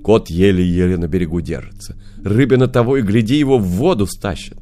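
A man narrating children's fairy tales as an audiobook, in a lively, expressive storytelling manner. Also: fairly low pitch, a little fast, faint music behind.

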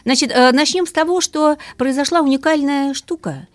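A woman guest speaking as a music expert, explaining things lively and asking rhetorical questions. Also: sits high, normal speed, no echo. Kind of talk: radio talk about opera.

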